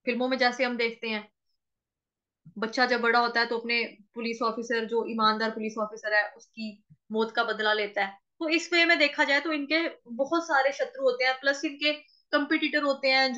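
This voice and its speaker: A woman with a high, bright voice teaches Sanskrit recitation. She stretches each chanted word out very slowly, then breaks it down letter by letter. The recording sounds a little dull and lo-fi. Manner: chants verse words very slowly and drawn out, then explains quickly; spells out letters and vowel marks one by one. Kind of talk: slow syllable-by-syllable chanting lesson.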